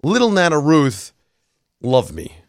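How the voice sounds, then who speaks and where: A man's voice: on the high side, huge pitch swings, takes it slowly, no echo, clean studio sound. Sarcastic male talk show host. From New York. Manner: sarcastic, wry asides. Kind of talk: casual political commentary.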